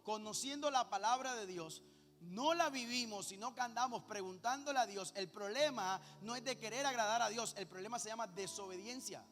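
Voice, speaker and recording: High-voiced coastal preacher. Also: male voice, fairly bright tone. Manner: conversational, teasing, punchy rhetorical questions. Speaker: pastor. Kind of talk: sermon. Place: large church auditorium. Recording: echoey church hall with faint music.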